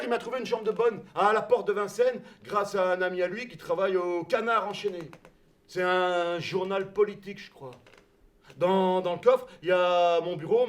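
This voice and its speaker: A man with a Belgian French accent telling a comic one-man-show story in a hesitant, self-mocking way, acting out all the voices. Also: sits high. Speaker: comedian.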